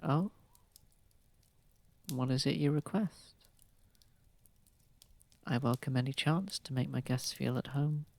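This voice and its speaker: An actor plays a posh, gentle vampire lord who guards his manor, speaking at medium pitch in a breathy, husky, slightly creaky voice. His manner is tender, courteous and a little formal, soft-spoken and soothing with no hurry. It's intimate ASMR roleplay, recorded dry on a close mic.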